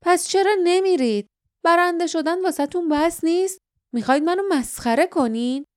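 A woman's voice: high voice, lively intonation, voice pushed up. A woman voicing a scheming, greedy male guardian who mocks and snaps at his rivals in an audiobook. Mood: scornful. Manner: mocking, snapping retorts.

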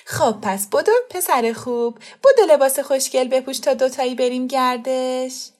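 A female narrator puts on a bright, sugary young woman who coaxes and persuades. Her pitch sits higher than a plain reading voice, and she talks sweetly to win a child over. This is an audiobook performance. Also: lightly acted. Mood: coaxing. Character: young woman, cheerful and coaxing.

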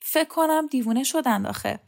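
A woman's voice: high-pitched, creaky, darkish tone, voice pushed up. A woman reading a story aloud, voicing a shy, earnest young girl who sounds worried. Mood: anxious.

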